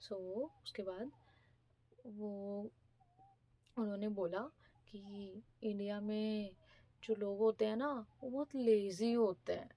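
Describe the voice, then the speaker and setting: A young woman from India telling a story in a casual vlog, chatty and animated, sometimes dropping to a half-whisper. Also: medium pitch, no room sound. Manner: chatty, animated retelling with mimicry; speaks softly, half-whispering at times. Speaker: vlogger.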